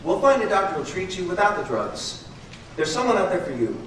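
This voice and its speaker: Casting: earnest supportive husband, high and bright, taped from far off. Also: male voice, very animated, brisk, very noisy. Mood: reassuring. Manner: eager, reassuring. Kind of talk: stage musical acting. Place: large theater stage. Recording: distant echoey theater bootleg.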